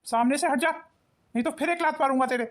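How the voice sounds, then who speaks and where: A woman voicing a hot-tempered, abusive young husband in an animated cartoon, harsh and bullying. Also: high voice, brisk, heavy background noise, natural voice. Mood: angry.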